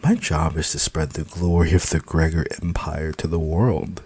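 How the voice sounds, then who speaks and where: A man's voice: extremely low pitch, level tone, normal speed, darkish tone, slightly rough, dry recording. A man narrating a first-person romance novel in a wry, cynical, confessional tone. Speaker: audiobook narrator.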